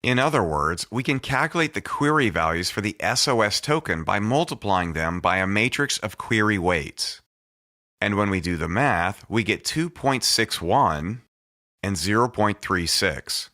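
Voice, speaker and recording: Playful lively man explaining math. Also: on the low side, a little slow, dry recording, studio quality. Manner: playful, with sound-effect interjections. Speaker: teacher. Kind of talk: scripted explainer narration.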